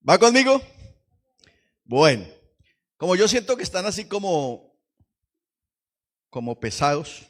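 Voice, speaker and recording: A man preaching a lively Pentecostal sermon in church, swinging from hushed asides to shouts and quizzing the congregation. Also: high voice, measured pace, pauses often. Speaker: pastor.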